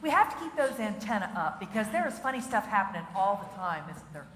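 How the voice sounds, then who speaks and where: A middle-aged woman giving a comic keynote talk, chatty and animated, asking the audience questions and laughing at her own jokes. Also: mid-range voice, fast talker. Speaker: keynote speaker. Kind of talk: stand-up style comic keynote. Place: large conference hall. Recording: echoey hall with faint noise.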